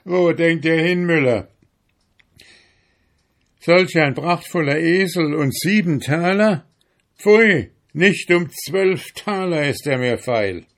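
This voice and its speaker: Sneering, unshakable stranger in a fairy tale, raised voice, deliberate pace, read by a man. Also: mid-range voice, expressive. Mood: mocking. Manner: mocking, haggling, raised voice. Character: mocking, unbending male stranger bargaining.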